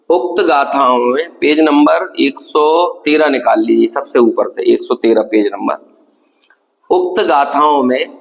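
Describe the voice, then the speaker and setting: A man's voice: medium pitch, gravelly. Man teaching scripture in an echoey hall. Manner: keeps checking the audience follows, reads passages slowly. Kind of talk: religious scripture lecture. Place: lecture hall.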